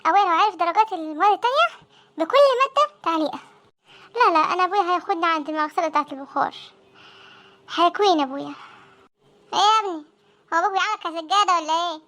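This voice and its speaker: Panicky teenage students in a comic cartoon, with an Egyptian accent, all voiced by a woman. The voices are extremely high and sharp, in squeaky, sped-up chatter at a breakneck pace. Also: racing, long pauses. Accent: Egyptian Arabic. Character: panicky teenage students dreading exam results.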